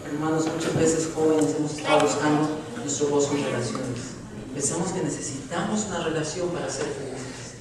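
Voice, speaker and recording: A man preaching a sermon and telling a testimony, swinging from loud emotional peaks to hushed appeals. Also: fairly high pitch, steady tone, a little fast. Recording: far-off mic in a very echoey hall with room noise.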